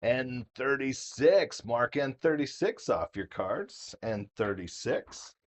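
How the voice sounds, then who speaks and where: Male bingo caller needed: playful, swinging pitch, slow deliberate number calls with repeats. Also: animated. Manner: playful, repeats each call in drawn-out fashion.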